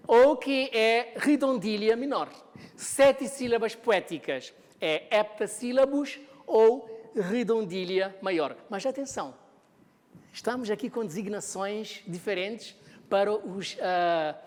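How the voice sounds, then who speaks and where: A woman's voice: medium pitch, a little mellow. Woman teacher in a reverberant hall. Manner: explanatory, poses questions to the viewer and answers them. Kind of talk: televised classroom lesson.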